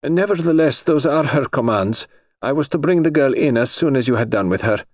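A stout, dignified older princess, solemn and a touch fussy, voiced by a man. The pitch rides up well above his own, with a lively lilt. Dry, close sound. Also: fairly quick, dry recording, close to an everyday voice. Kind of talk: audiobook character voice.

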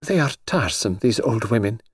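A man's voice: on the low side, very animated, breathy edge, no room sound, studio quality, voice pushed up. A male narrator voicing a cheerful, imperious young grand duchess in an audiobook, bubbly and commanding. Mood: confiding. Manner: bubbly, commanding, quick to stamp her foot. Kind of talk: audiobook character voice.

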